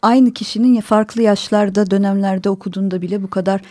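A woman's voice: mid-range voice, steady tone, fast, mellow, no echo, clean studio sound. A woman co-hosting a radio talk program, chatting casually and making wry, teasing remarks. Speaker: radio co-host.

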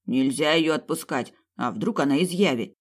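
Woman doing a courteous, flattering snake-man for a fantasy audiobook. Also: low voice, normal speed. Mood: eager. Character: blond freckled snake-man, eager and flattering.

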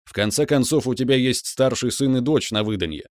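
A man's voice: medium pitch, lively intonation, fairly quick, darkish tone, no echo, studio quality, natural voice. A man voicing a stern, commanding older mentor, a veteran mage, in an audiobook. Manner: commanding, matter-of-fact.

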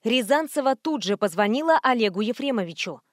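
A woman narrating an audiobook in a steady, even storytelling read. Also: fairly high pitch, brisk, dry recording, studio quality. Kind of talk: scripted narration.

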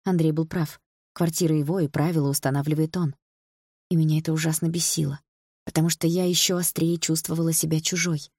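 A woman reading a first-person audiobook narration in an even, subdued manner. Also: sits low, a little fast, husky, no echo, clean studio sound. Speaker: audiobook reader.

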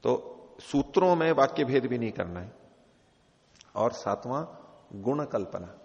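Man, scripture teacher, patient explainer, gravelly, lo-fi, long hall reverb. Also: medium pitch, lively intonation, a little slow, darkish tone. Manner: explains patiently with repeated rephrasing and examples. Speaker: teacher of philosophy. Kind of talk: scripture lecture. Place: teaching hall of a religious retreat. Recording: dull, echoey hall recording.

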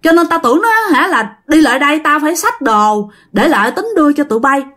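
A woman's voice: high voice, animated, fast talker, fairly bright tone, voice pushed up. A woman with a Southern Vietnamese accent voicing an old village shopkeeper woman who stammers in fright. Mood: agitated. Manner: stammering, breathless exclamations.

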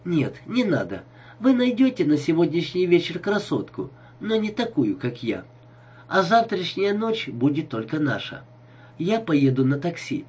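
A man's voice: on the high side, very animated, unhurried, a little mellow, husky, highs cut off, voice pushed up, exaggerated voice. A man doing a coy scheming young woman. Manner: coy, teasing.

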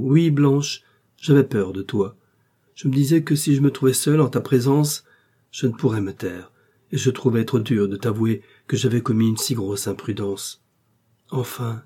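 Coaxing contrite young husband, voiced by a man, husky low voice, storybook reading. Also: normal speed, warm tone, natural voice. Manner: coaxing, playful.

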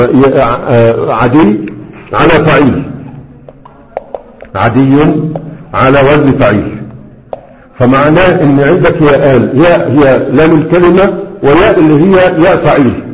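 A man with an Egyptian Arabic accent teaching a grammar lesson, reading verses slowly and then explaining them in a chatty way that keeps checking his students follow. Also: on the high side. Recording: dull, echoey classroom recording.

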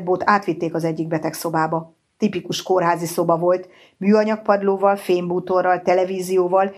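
Brief: woman audiobook narrator, steady measured reading, slightly low voice. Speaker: audiobook reader.

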